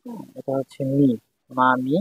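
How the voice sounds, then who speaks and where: A man's voice: mid-range voice, expressive, moderate pace, slightly rough, no echo. Man teaching Japanese letters over a tinny line. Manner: patient, repeats each syllable several times. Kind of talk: step-by-step writing lesson. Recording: dry, phone-like tinny sound.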